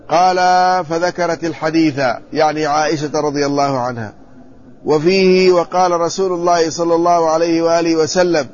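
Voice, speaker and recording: High-voiced man teaching a hadith lesson. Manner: measured, explanatory, checks the text with students. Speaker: Islamic scholar teaching hadith. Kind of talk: classroom hadith commentary. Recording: muffled lo-fi recording with faint ambience.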